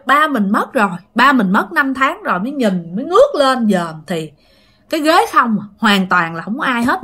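A woman's voice: on the high side, sharp tone. A woman with a Southern Vietnamese accent telling ghost stories in a chatty way, talking straight to her listeners with many fillers. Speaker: ghost-story channel narrator. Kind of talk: casual storytelling narration.

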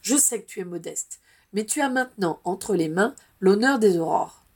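A woman's voice: mid-range voice, animated, normal speed, a little mellow, breathy edge. A woman reading a fussy, worried young man. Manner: worried, formal.

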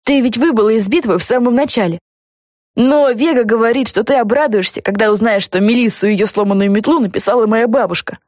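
A woman narrator voicing an excitable young girl fan who gushes and chatters. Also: on the high side, a little fast, dry recording, clean studio sound, pitched above the performer's own voice, lightly acted. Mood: eager. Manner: gushing, chattering.

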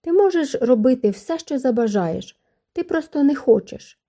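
A woman reading an intense young gentleman. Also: high voice, animated, normal speed, voice pushed up. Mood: insistent.

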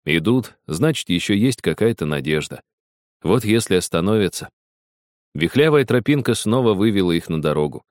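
A man narrating a story in a measured, expressive reading. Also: fairly low pitch, no echo, studio quality. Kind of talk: audiobook reading.

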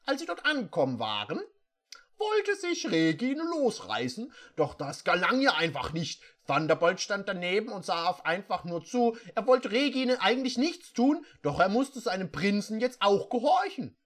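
A reader performing a comedic reading of bad fan fiction, breaking off for sarcastic, deadpan asides. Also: medium pitch, normal speed.

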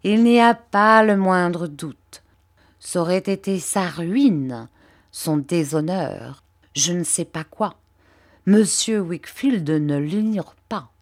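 A woman reads a fawning young clerk who dwells on his own humility, drawing out each ingratiating phrase. The voice sits fairly low and moves at an unhurried crawl. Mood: oily. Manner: unctuous, slow, ingratiating. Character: fawning, falsely humble young male clerk. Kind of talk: audiobook character reading.

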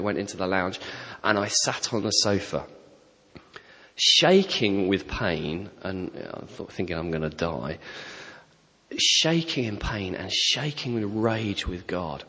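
A middle-aged man preaching a personal testimony, telling his story with animated, self-deprecating humour. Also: on the low side. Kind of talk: sermon testimony. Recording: long hall reverb.

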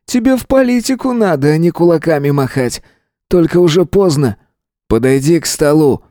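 A man's voice: fairly high pitch, expressive, moderate pace, dark tone, no echo, studio quality, pitched above the performer's own voice, lightly acted. A man reading an audiobook voices a cold, contemptuous armed man who barks orders and sneers. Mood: barking.

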